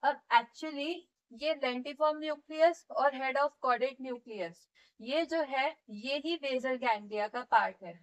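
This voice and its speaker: Woman, high voice, physiotherapy teacher, step-by-step lecture, keeps checking in. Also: drawn-out words, poor audio. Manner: explains step by step, often checking with "ठीक है" and "है ना"; demonstrates movements while teaching. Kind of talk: classroom lecture.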